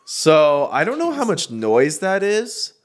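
A man co-hosting a sports podcast in a studio, talking in a lively, casual way, repeating himself and rattling off stats. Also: on the high side, slow. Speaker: podcast co-host.

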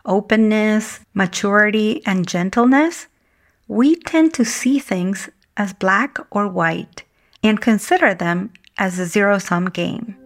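A woman, hosting her podcast as a communication coach in a calm, measured, gentle way. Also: medium pitch. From Argentina. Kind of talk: scripted podcast monologue.

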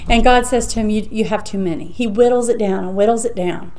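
A woman's voice: medium pitch, quick pace, darkish tone. A woman teaching Bible study in a conversational, emphatic way, repeating key phrases for weight.

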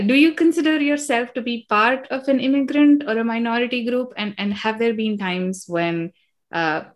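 A young woman in her thirties or younger hosting an interview podcast, chatting in an upbeat, conversational way. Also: mid-range voice. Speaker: podcast host. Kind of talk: casual interview talk.

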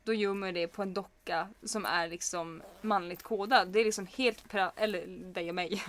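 A young woman chatting casually as a podcast co-host. She tells stories with energy and acts out every person in them. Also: medium pitch. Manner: animated storyteller who plays both sides of a scene.

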